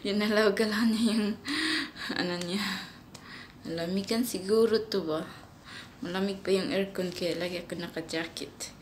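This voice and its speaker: A woman's voice: medium pitch, steady tone, a little slow, pauses often, a little hiss or hum. A woman making a casual home vlog as a nanny, coaxing a pet cat in sing-song baby talk. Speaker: nanny vlogger. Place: home indoors.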